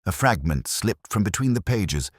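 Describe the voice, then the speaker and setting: A man playing a brooding, erudite middle-aged police inspector, narrating his case in a measured, literary, melancholy way. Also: lowish voice, big pitch swings, husky, dry recording, studio quality. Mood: brooding, reflective. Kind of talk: scripted first-person detective narration.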